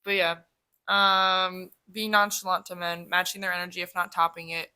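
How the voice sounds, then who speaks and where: A woman's voice: lowish voice, flat delivery, moderate pace, sharp tone, clear, resonant tone, no echo. A young woman in her twenties co-hosting a podcast, chatting casually and bluntly with frequent swearing. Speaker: podcast co-host. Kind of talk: casual chat.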